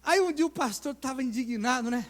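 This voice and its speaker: A man's voice: very high voice, brisk. A middle-aged male pastor preaching a sermon, telling stories animatedly and putting questions to the congregation. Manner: animated storytelling with acted voices and questions to the congregation. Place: church sanctuary. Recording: long church-hall reverb.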